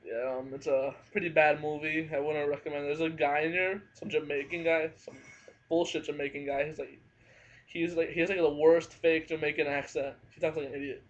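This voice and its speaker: A man's fairly high, level voice moves briskly through a casual movie review recorded at home, where his family is nearby. Hesitation, hedging and frequent fillers mark his delivery, and the lo-fi home recording is dull.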